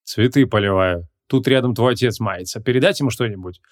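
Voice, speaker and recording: A man's voice: mid-range voice, a little fast, no echo, studio quality, close to an everyday voice. Grumbly old-school archmage guy, read by a man, touchy, audiobook. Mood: grumpy. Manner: gruff, grumbling. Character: proud grumpy male archmage, touchy.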